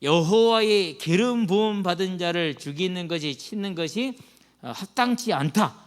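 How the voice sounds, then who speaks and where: A man's voice: sits high, expressive, normal speed, in a large hall. A man, a pastor preaching to students in a colloquial storytelling way, full of acted quotes and slang. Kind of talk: sermon to students. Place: church sanctuary.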